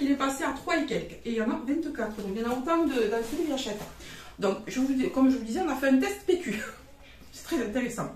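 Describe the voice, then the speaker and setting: A woman's voice: high voice, distant mic. A chatty woman in her thirties with a southern French accent, casually showing her grocery haul with frank, colloquial talk. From southern France. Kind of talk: casual chat. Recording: roomy echo, voice from off the mic.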